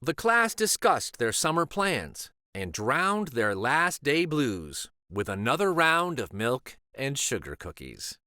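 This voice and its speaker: Male read-aloud host for kids' stories: slow, deliberate pacing, very lively melody, theatrical emphasis. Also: mid-range voice, dry recording, studio quality. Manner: animated, dramatic emphasis. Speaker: children's storybook reader and host. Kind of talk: expressive read-aloud narration of a picture book.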